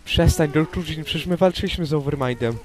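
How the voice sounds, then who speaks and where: A man's voice: fairly high pitch, fast talker, a crowd in the background, lightly acted. A man playing a nervous, loyal young hermit exploring in a Minecraft role-play, talking to himself as he goes. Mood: pleading. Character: young male hermit adventurer, anxious but loyal. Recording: loud game music behind.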